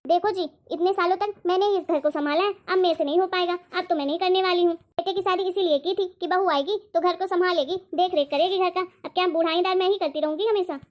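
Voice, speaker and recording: A woman acts out a sharp-tongued mother-in-law who nags in a very high, piercing voice and rattles her complaints off at speed. Her scolding never lets up, and the lo-fi audio sounds dull and muffled. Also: fairly even intonation, fast, hardly any pauses. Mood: angry. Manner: nagging, shrill complaining. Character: scolding middle-aged mother-in-law, quick-tempered. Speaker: comedy sketch actor. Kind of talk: scripted family comedy sketch.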